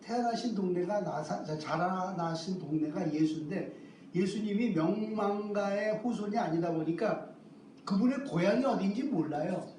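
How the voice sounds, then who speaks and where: A man's voice: high-pitched, warm tone, slight background noise. A male pastor preaching a sermon, asking rhetorical questions and answering them himself, stretching out key phrases for emphasis. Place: church sanctuary. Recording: roomy, distant mic with faint ambience.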